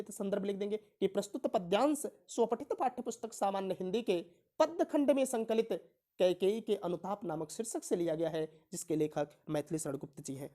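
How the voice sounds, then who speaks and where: A woman teaching an exam-prep Hindi lesson, reading verses slowly and then explaining them, often asking herself a question and answering it. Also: medium pitch, warm tone. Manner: recites verse slowly with rising emphasis, then explains in plain terms.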